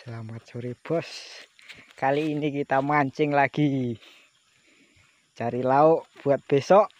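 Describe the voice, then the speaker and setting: A man's voice: mid-range voice, slow pace, dull audio. A man fishing outdoors and chatting casually to his viewers. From West Sumatra. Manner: relaxed, chatty, addressing viewers. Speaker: fishing vlogger. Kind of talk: casual outdoor vlog narration. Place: outdoors by rural ditches and streams. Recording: faint outdoor noise. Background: rain and crickets.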